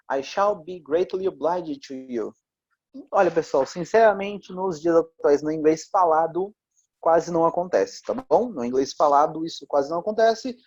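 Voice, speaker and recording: A man's voice: a little high, a little mellow, slightly rough, no echo. Man, English teacher, chatty explainer, dull lo-fi recording, dry sound. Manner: chatty, checks in often with listeners. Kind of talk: explaining grammar in a class.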